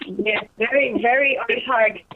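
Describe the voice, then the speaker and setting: A woman calling in on a speakerphone, heard faintly and far from the phone, giving short soft agreeing replies. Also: a little high, fairly even intonation, normal speed. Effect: on speakerphone, faint and distant. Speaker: caller. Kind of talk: call-in radio chat. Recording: tinny speakerphone line with background chatter.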